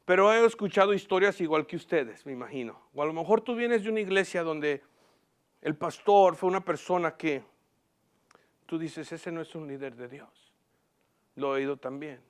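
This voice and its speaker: Man, pastor, high-pitched, preaching, lively, questions the congregation, mixes in English. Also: normal speed, clean tone. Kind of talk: sermon. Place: church platform.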